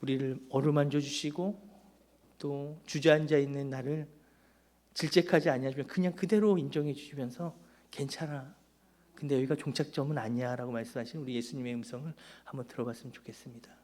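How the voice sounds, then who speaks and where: A male pastor preaching an impassioned sermon at a Friday prayer meeting in church, often dropping to a hushed, near-whispered delivery. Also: mid-range voice, fairly even intonation, a little fast.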